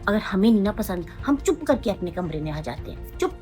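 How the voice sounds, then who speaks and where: A woman's voice: mid-range voice, very animated, brisk, warm tone, faint music behind, close to an everyday voice. A woman acting in a comic family skit, chatting and gossiping about home life. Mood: chatty.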